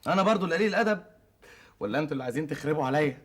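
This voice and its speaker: A cocky egyptian thief, husky, talks super fast. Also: male voice, a little high, lively intonation, a bit bright. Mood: cheeky. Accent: Egyptian Arabic. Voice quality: cheeky, teasing. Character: cocky young male thief, cheeky and haggling. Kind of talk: classic Egyptian stage comedy acting.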